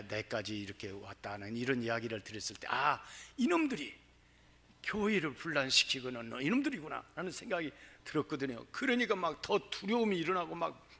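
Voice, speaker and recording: A man preaching a sermon, telling his own story in an animated way that turns loud and excited. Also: a little high. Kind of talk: sermon testimony. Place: church.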